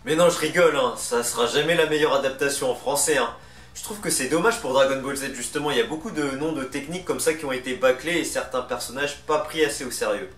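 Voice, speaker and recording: A man's voice: medium pitch, quick pace, fairly bright tone. A man hosting a ranking in casual, chatty, opinionated commentary. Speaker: video host presenting a ranking. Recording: roomy, distant mic, music underneath. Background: music.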